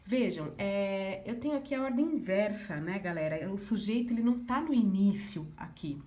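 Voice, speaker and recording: A Brazilian woman teacher talks through a worked exercise with her students. Her voice sits at a middling pitch, and she is patient and conversational. She keeps checking that the students are following along. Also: expressive, normal speed, a little mellow. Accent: Brazilian Portuguese. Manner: patient, uses many fillers like "né" and "ó". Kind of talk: recorded class lesson, explaining exercises.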